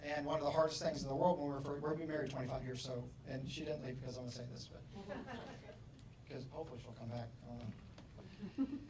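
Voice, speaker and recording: A middle-aged man giving an animated motivational talk to an audience, acting out bits of dialogue with loud bursts. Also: mid-range voice, fast talker, noisy background. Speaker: motivational speaker. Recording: roomy, distant hall mic, faint ambience.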